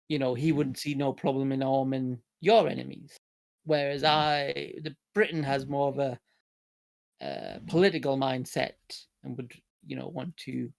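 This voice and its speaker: A man's voice: mid-range voice, steady tone, measured pace, creaky, darkish tone. A man playing a tabletop game, talking casually through his character's plans.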